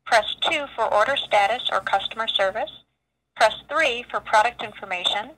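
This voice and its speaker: Recorded phone menu woman, bright. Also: a little high, normal speed, slight background noise. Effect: recorded phone menu message over a phone line. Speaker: automated customer line greeting. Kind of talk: scripted phone menu prompts.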